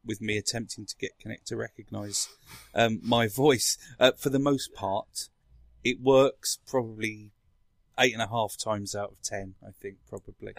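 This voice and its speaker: A man's voice: on the low side, steady tone, moderate pace, vocal fry, no echo. A man in a casual tech chat, explaining things in a rambling way as a podcast speaker. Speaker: podcast guest or co-host explaining a console.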